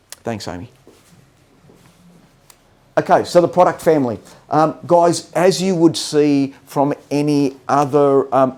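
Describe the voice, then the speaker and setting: A man delivers technical product training haltingly, frequently pausing to make sure his listeners are keeping up. His voice sits in the middle range and has a slightly mellow quality.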